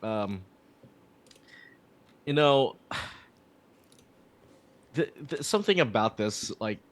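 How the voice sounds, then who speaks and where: A man's voice: mid-range voice, animated, slow pace. A man from New Jersey hosting a casual stream chat with friends, rambling with lots of fillers and restarts. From New Jersey, USA. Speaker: streamer host.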